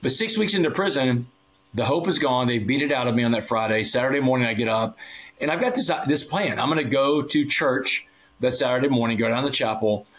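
Man, podcast guest, earnest storyteller, quotes dialogue, mid pitch. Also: animated, brisk, fairly bright tone. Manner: earnest, acts out quoted dialogue, addresses host by name. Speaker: podcast guest, motivational speaker. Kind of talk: storytelling in a conversational interview.

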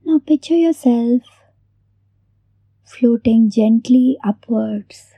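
A woman hosting a guided meditation in a soft, breathy near-whisper, gently giving unhurried instructions with long pauses. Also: on the high side, no room sound, highs cut off. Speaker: meditation host.

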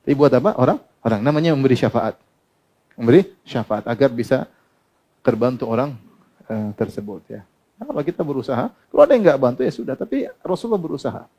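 Middle-aged guy giving a sermon, warm dark voice, asks the crowd then answers himself. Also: on the high side. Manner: asks the audience questions and answers them himself; quotes Arabic texts and translates them. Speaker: Islamic preacher.

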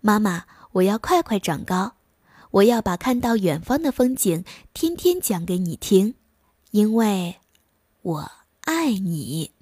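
A woman's voice: mid-range voice, lively intonation, unhurried, warm tone, dry recording, clean studio sound. A woman voicing a small, shy young poplar tree in a bedtime story, sweet and earnest.

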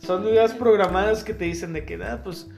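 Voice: medium pitch, a little fast, creaky, a little mellow, soft background music. A podcast co-host with a Mexican accent, explaining ideas earnestly in casual chat and laughing often. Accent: Mexican Spanish.

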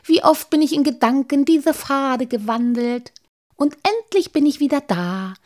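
A woman's voice: on the high side, big pitch swings, a little slow, darkish tone, breathy edge, pitched above the performer's own voice, full character voice. A woman voicing a gushing, sentimental little gnome man. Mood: rapturous. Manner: rising, gushing, wistful. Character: dreamy excitable male gnome, sentimental.

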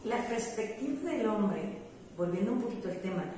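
A woman's voice: medium pitch, animated, normal speed, dark tone. A young woman with a Mexican accent, talking in a chatty, reflective way in casual conversation. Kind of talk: casual chat. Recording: roomy echo, far from mic, faint noise.

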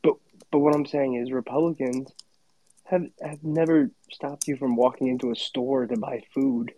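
A man's voice: mid-range voice, fairly even intonation, normal speed, warm tone, no echo, lo-fi sound. A man in his late twenties in a casual podcast chat, talking in a blunt, profane and provocative way. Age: 20s.

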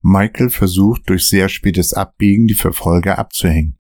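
A man narrating a scripted story podcast in a steady, measured way. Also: sits low, dry recording, studio quality.

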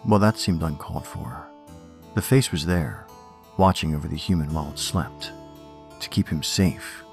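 A man's voice: rumbling low, normal speed, gravelly, a little mellow, soft background music. A man playing an aggrieved, sardonic inhuman horror podcast host who scorns humanity in a dry, disdainful manner. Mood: wounded disdain.

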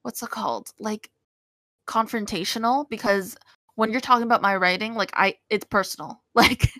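A woman in casual chat, candidly telling animated stories and acting out what others said. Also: mid-range voice, normal speed, dry recording. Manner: candid, animated storytelling, acts out quotes.

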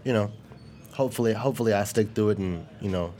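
A man in his late twenties hosting a podcast, chatting casually with quick restarts and repeated words. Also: fairly low pitch, mellow, slight background noise. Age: 20s. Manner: fast, repetitive restarts, friendly. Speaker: podcast host. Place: event space.

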